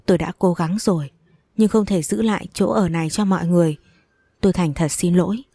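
A woman voicing a sorrowful temple abbot who speaks softly, heavy with sadness. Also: fairly low pitch, brisk, husky, dry recording.

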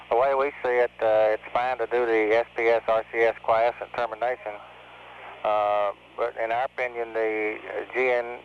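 An American man at mission control on astronaut radio, explaining technical matters in a hesitant way. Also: lowish voice. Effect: radio transmission. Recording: muffled, noisy 1970s mission radio. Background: faint radio noise.

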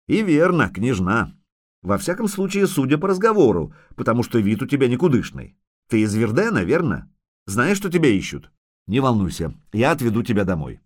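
A man voicing a gruff, sardonic male monster hunter who talks brusquely and mockingly. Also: medium pitch, very animated, normal speed, a little mellow.

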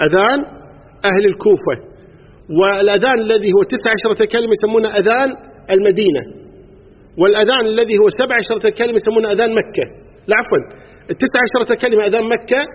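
A man with a Kuwaiti Arabic accent teaches a class on religious law at a very fast clip, pausing to quiz his listeners and count items aloud. His voice sits high and sounds somewhat husky. The recording is dull and lo-fi, with a long hall echo trailing each phrase. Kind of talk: religious lesson to a live class.

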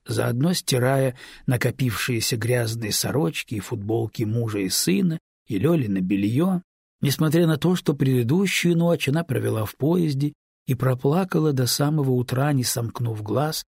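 A man reading a novel aloud in steady, measured storytelling narration. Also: medium pitch, vocal fry, breathy edge, no room sound. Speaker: audiobook narrator. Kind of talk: scripted narration. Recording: dry close studio read.

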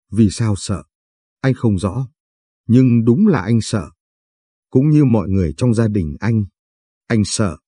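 Guy reading a story, steady and even, husky low voice, dry close sound. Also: no room sound. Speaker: narrator.

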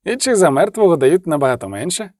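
A man's voice: a little high, big pitch swings, fast, a little mellow, no room sound, clean studio sound. A man voicing a pushy mercenary who keeps needling with persistent questions.

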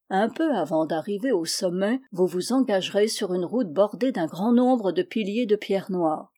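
Une femme qui prête sa voix à un minuscule vieillard barbu, enchanté depuis des siècles, bienveillant et insistant, dans un conte lu à voix haute. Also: female voice, medium pitch, warm tone. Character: tiny very old bearded man, enchanted, kindly.

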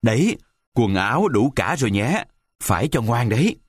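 A man voicing a kind, poor old woodcarver father in a storybook reading, speaking in a gentle, mumbling fatherly way. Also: medium pitch, sing-song, moderate pace, breathy edge, no echo, clean studio sound. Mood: fond.

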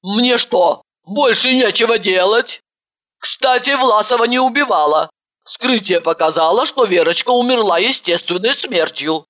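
Чтица озвучивает Иванову, суетливую рассеянную женщину-патологоанатома, говорящую ниже и медленнее, резко и грубовато. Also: female voice, mid-range voice, expressive, a little slow, a bit bright, lo-fi sound, pitched above the performer's own voice. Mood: stern. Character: brash, fussy woman, a scatterbrained forensic doctor.

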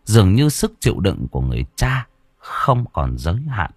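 Man, horror story narration, dramatic, lively pitch, dry sound. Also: normal speed, slightly rough, no echo. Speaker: audiobook narrator.

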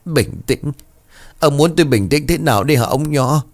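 A man's voice: on the high side, expressive, moderate pace, voice pushed up. A man voicing a distraught middle-aged mother who pleads and wails for her missing daughter, in a storybook reading. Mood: frantic. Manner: wailing, insistent pleading.

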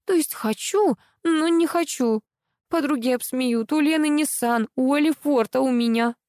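Woman putting on a petulant young wife, high whiny voice, mellow tone, dry sound. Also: normal speed, dry recording, close to an everyday voice. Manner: high and whining.

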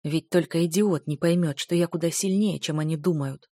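A woman narrates a first-person fantasy novel in a steady, even storytelling voice. Her voice sits on the low side. The recording is dry and close, with no room sound. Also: moderate pace, no echo. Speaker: audiobook narrator.

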